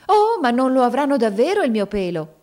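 A woman reading aloud, voicing an eager little girl who pleads and fusses about her mother in a high, excitable voice. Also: moderate pace, lightly acted. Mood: alarmed. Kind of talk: audiobook reading.

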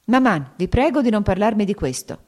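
A woman's voice: deep voice, big pitch swings, a little fast, darkish tone. A woman reading the lines of a stern, reserved young male officer in a curt, cold manner.

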